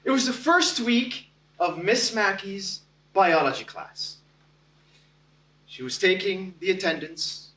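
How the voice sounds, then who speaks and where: A man giving a prepared contest speech, telling a personal story dramatically with deliberate pauses. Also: sits high, sharp tone. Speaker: contest speaker. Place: club meeting hall. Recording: echoey hall from a distance.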